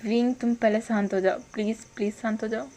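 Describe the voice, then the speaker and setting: A woman voicing a devoted young man who speaks softly and pleads gently, within a storytelling role voice. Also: fairly high pitch, steady tone, fast talker, natural voice. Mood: soft pleading. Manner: soft, pleading.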